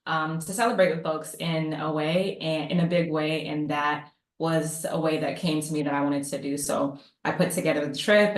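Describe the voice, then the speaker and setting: Chatty woman in her thirties, low voice, roomy echo on the call, lots of fillers. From United States. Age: 30s. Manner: warm-hearted, chatty, laughing asides, fillers. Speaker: psychologist guest. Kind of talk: casual panel talk. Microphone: video call. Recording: echoey room on video call.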